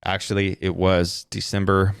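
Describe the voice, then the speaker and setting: A man's voice: sits low, monotone, normal speed, creaky, clean tone, dry recording. Man, casual solo podcast, meandering, profane, dry close sound. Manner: rambling, profane, self-correcting. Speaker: podcast host. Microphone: desk mic through a streaming interface.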